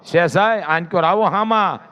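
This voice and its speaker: A man's voice: high-pitched, a little slow, pushed and bright. A man voicing the proud dying demon king Ravana in a religious storytelling talk, commanding and solemn.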